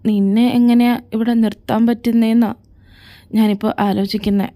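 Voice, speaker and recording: A patient young man talks his friend down in a soothing, reasoning way, as a woman voices him. The tone is mellow and fairly high. This is a homemade fan audio drama. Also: level tone, moderate pace, lightly acted. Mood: calm.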